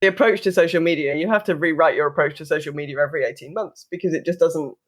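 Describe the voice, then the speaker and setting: A man hosting a casual podcast interview in a high voice. He agrees readily and stumbles through fillers as he looks for his next question. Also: quick pace. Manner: warmly agreeing, hesitant with fillers.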